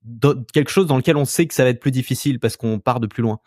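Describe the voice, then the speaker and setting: A man's voice: medium pitch, fast, darkish tone, no room sound, studio quality. A man hosting a casual podcast, talking emphatically and repeating his words. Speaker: podcast host.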